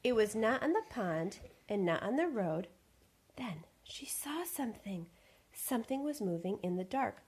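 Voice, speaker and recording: Expressive woman storyteller, husky voice. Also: mid-range voice, a little slow. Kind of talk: reading a picture book aloud.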